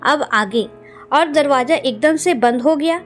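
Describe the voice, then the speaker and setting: Woman with a high voice telling a creepy story, soft music underneath. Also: measured pace. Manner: dramatic, suspenseful reading. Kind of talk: scripted story narration.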